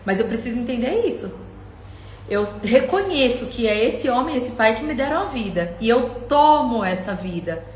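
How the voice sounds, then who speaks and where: Speaking at a normal speed in an echoey room with slight background noise, this middle-aged woman has a high-ish, animated voice. As a coach hosting a live stream, she addresses viewers with passion and acts out their words in an emotional coaching talk.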